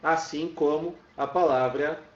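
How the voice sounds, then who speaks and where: A man's voice: fairly high pitch, steady tone, unhurried, far from the mic. A man teaching a lesson, explaining step by step and checking in with his students. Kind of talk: classroom lecture. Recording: roomy, dull sound from off-mic.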